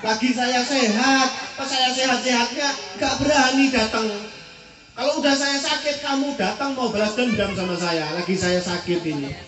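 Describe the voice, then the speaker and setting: A man's voice: very high voice, extremely slow, long pauses, pitched above the performer's own voice, full character voice. A preacher acting out a jeering, scornful sick man. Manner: taunting, jeering. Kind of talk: acted quote in a sermon. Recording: echoey prayer hall, distant mic, crowd.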